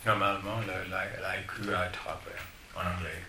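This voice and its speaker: A man, a poet, speaking at a public talk, slowly searching for his words with many restarts. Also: sits low, fairly even intonation. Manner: slow, halting, searching for words. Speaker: poet being interviewed. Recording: roomy, distant, noisy room mic.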